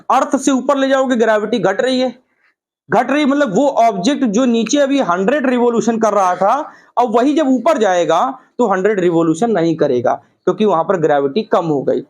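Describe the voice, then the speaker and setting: A middle-aged man giving a classroom physics lecture, explaining step by step and often addressing his students as children. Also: very high-pitched. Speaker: physics teacher.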